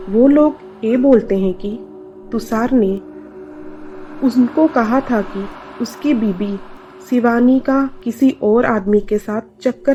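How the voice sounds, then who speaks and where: A woman narrating a dramatic scripted story in a steady telling voice. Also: a little high, dull audio.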